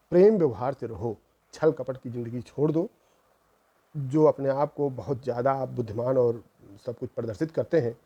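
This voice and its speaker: The recording has a lo-fi sound, carrying a middle-aged channel host's mellow, medium-pitched voice. He earnestly tells a true family story, reproachful and moralizing, and leans on repeated phrases for emphasis.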